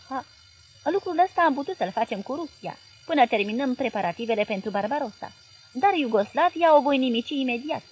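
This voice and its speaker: A woman's voice: a little high, lightly acted, rough recording. Woman voicing a raging male dictator. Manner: shouting, sarcastic outbursts. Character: furious male dictator, volatile and menacing.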